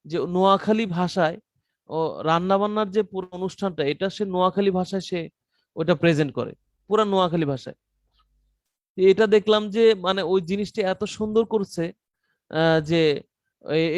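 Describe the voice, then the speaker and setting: A man teaching an online class in a loose, conversational way, often pausing to rephrase. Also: high-pitched, dry recording. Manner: conversational teaching with frequent fillers and restarts. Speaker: content writing trainer.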